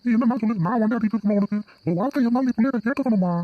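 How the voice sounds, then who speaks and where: A man's voice: extremely high pitch, very fast, highs cut off, a little hiss or hum. A man playing a meek, henpecked middle-aged father in a cartoon, who talks in a mild, placating way.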